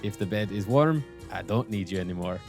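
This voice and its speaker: A man's voice: fairly low pitch, lively intonation, fairly quick, darkish tone, soft background music. A man voicing a flustered male adventurer who stammers while staying awkwardly polite.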